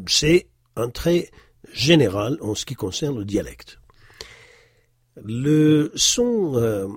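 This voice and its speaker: A man teaching a language lesson, explaining slowly and patiently with frequent hesitations, stressing the example words he pronounces. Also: medium pitch, husky, no echo, studio quality. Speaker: Arabic teacher. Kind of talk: slow spoken lesson walking through worksheets.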